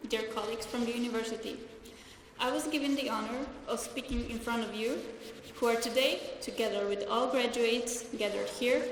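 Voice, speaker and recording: A woman's voice: fairly high pitch, slight background noise. Young Slovenian woman giving a graduation speech. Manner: careful, earnest, read from notes with small restarts. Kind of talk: formal ceremony speech. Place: large hall. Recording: echoey hall with faint ambience.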